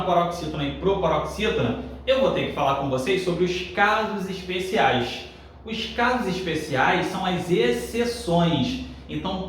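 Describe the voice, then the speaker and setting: Male teacher, lively questioning delivery, set back from the mic, very roomy echo. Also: high-pitched. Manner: lively, asks the class questions and answers them. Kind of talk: recorded grammar lesson. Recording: echoey room, a bit far from the mic, faint noise.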